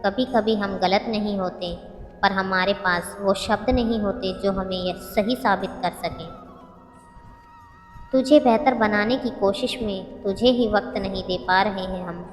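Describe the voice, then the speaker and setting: A woman reading short motivational sayings as scripted narration, in a measured, reflective way. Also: medium pitch, fairly even intonation. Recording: long reverb with background music.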